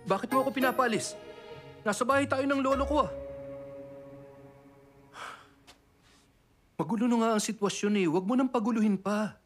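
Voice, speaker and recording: Brisk, dry young heir, fast and no-nonsense. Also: male voice, high-pitched, darkish tone, faint music behind. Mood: urgent. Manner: curt, matter-of-fact. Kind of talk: Tagalog drama dub.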